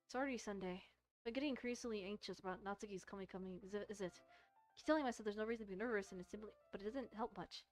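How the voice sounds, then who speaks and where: A woman streamer reading a visual novel aloud and commenting on it, haltingly, often repeating and rereading phrases. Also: mid-range voice. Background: soft music.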